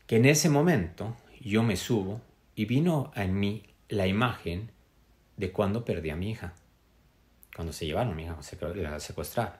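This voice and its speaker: A middle-aged man earnestly telling a personal story on a live stream, with pauses and "mm?" tags. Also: on the low side, a little mellow.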